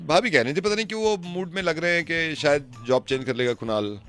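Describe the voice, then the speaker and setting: A man's voice: on the high side, quick pace, fairly bright tone, soft background music. A male radio host making a prank phone call, chatty and teasing, laughing often.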